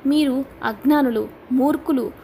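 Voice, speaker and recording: A woman's voice: high-pitched, unhurried, dark tone, slight background noise. Scornful ranting man, read by a woman. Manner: accusing, mocking, relentless. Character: defiant scornful man haranguing a crowd. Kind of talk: audiobook character reading.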